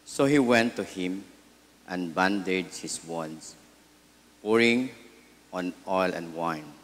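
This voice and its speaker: A man, a priest at Mass, solemnly reading scripture in deliberate short phrases in a large church. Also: sits low, fairly bright tone. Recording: echoey hall with long reverb.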